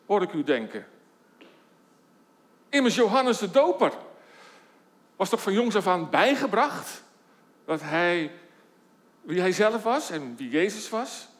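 A man with a high-pitched voice delivers a sermon, working through scripture in a measured, deliberate way and posing question after question. His voice carries a long reverb, as in a church hall. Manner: measured Bible exposition with rhetorical questions. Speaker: preacher.

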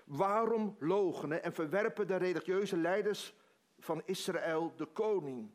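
A man's voice: high voice, a little slow. A man preaching a sermon, retelling a story dramatically with quoted dialogue.

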